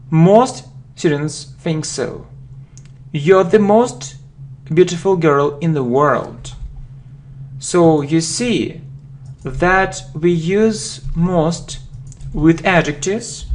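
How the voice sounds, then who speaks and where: Woman teaching grammar, super slow, says every example twice, typing in the background. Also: low voice. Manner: slow and deliberate, repeats example words. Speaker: English teacher. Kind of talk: slow spoken grammar lesson.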